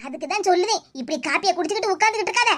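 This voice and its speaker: A woman's voice: very high voice, racing, a bit bright. A voice actor playing a meddlesome old woman who gossips urgently, with a southern Tamil accent. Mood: insistent.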